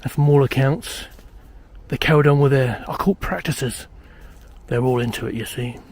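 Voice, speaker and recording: A man's voice: medium pitch, normal speed, darkish tone, close to an everyday voice. A British man acting as a boastful, uneasy amateur ghost hunter, rambling self-importantly to camera in a found-footage horror film. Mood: boastful, gossipy. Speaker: paranormal investigator presenting a documentary.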